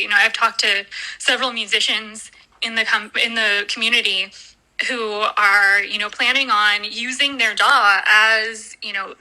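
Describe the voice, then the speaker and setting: A woman's voice: medium pitch, pushed and bright, rough recording. A woman co-hosting a casual group voice chat, enthusiastic and full of "you know" fillers. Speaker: co-host.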